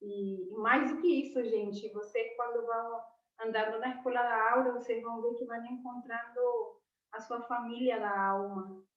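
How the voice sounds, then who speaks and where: A woman in her forties talks on a video call with a slightly high voice, chatty and affectionate. She sounds distant from her laptop mic, in a roomy space with a dull, muffled tone. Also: fairly even intonation, moderate pace. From Argentina. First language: Spanish. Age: 40s. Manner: chatty and affectionate, laughs often. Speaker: teacher. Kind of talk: casual chat on a video call.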